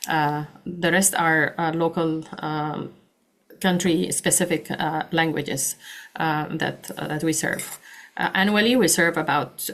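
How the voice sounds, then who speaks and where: Low-voiced woman presenter, hoarse, halting with fillers, video call. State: losing her voice. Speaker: nonprofit founder and presenter. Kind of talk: webinar presentation.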